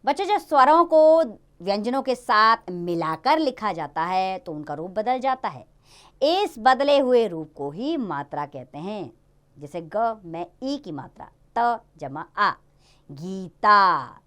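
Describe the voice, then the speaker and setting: A woman teaching a Hindi grammar lesson to young children in a lively, sing-song way. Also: mid-range voice, unhurried, clean tone.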